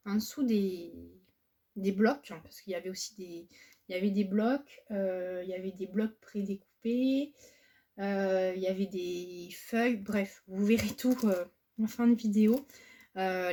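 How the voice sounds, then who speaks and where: A woman's voice: medium pitch, darkish tone. Chatty French woman showing craft buys. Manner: hesitant, many fillers and restarts. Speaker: crafting haul vlogger. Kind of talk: casual chat.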